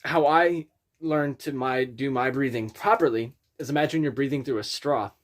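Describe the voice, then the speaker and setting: Male vocal coach, mid-pitched, informal and halting, talking through technique in a loose tutorial style. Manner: informal, rambling, halting explanations. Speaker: scream vocal instructor. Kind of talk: casual spoken tutorial with vocal demonstrations.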